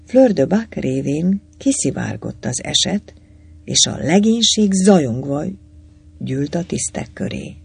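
A man narrating a novel as an audiobook, in a lively, expressive storytelling manner. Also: fairly high pitch, gravelly, slightly rough, dry recording.

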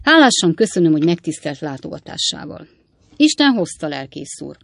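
A woman's voice: sits low, big pitch swings, vocal fry, no room sound, clean studio sound, exaggerated voice. A woman voicing a tearful, melodramatic middle-aged stepmother. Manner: melodramatic, whining.

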